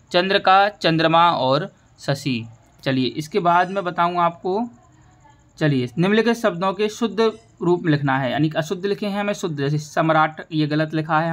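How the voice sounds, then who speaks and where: Fairly high-voiced male teacher. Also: fairly bright tone. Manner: patient, repeats key words for students. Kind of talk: explaining a textbook lesson.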